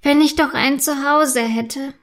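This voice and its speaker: A woman voicing a small, shy fairy girl who speaks softly and wistfully in a storybook reading. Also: high voice, fairly even intonation, unhurried. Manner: soft and wistful.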